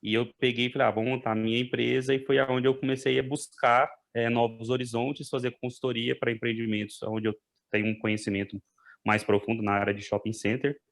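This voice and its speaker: Hesitant gravelly man in his thirties. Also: medium pitch, level tone. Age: 30s. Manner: slow, hesitant, restarts his sentences. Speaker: student. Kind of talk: speaking up in an online class.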